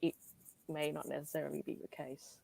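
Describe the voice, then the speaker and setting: A woman's voice: sits low, flat delivery, fairly quick, vocal fry, crowd noise. A woman from Singapore, a guest writer in a conversational panel interview, talking casually with many fillers and asides.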